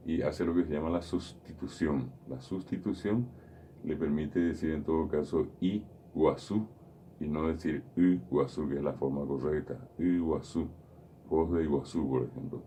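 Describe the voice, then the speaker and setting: Very deep-voiced man explaining. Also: steady tone, normal speed, dark tone, a little hiss or hum. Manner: patient, repeats and spells out examples. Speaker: radio host teaching Guaraní. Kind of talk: explanatory radio talk. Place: radio studio.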